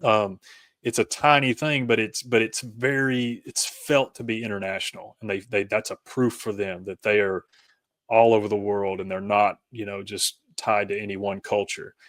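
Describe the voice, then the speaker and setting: Talking through his faith journey as a podcast guest, this author rambles hesitantly, sprinkling in "you know" and "kinda." His voice is low and a bit bright, level in tone at a normal pace, recorded close and dry without room sound.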